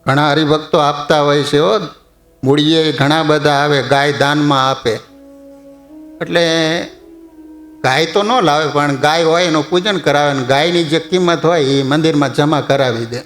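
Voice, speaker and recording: In a temple hall, a male preacher tells a devotional story in a chatty way, frequently putting questions to his listeners. His voice is on the high side and fairly bright at normal speed, with the hall echoing and faint music behind him.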